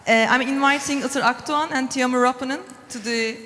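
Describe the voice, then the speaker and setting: Bright, high-voiced woman announcing in a hall. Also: steady tone, brisk. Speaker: event presenter. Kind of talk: stage announcements. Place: large conference hall with crowd. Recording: reverberant noisy hall with crowd.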